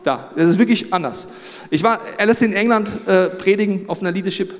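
A man with a South German accent, preaching a humorous sermon with animated storytelling and jokes. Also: sits high, brisk. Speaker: pastor. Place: large hall with audience. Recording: live hall reverb.

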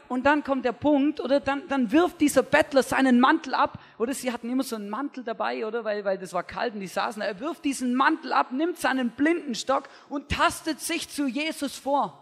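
Man, youth preacher, high voice, slangy and animated, big echoing hall. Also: creaky. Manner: energetic, slangy, acts out the story with shouted quotes and asides. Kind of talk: youth sermon storytelling. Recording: long hall reverb.

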